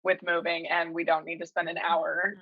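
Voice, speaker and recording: A young woman co-hosting a podcast from her apartment, chatty and quick to laugh, dropping casual swears. She comes through a video call that sounds dull and lo-fi. The audio is very dry. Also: on the low side, monotone, dry recording. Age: 20s. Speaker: podcast co-host. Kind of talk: casual chat. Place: her new apartment, indoors.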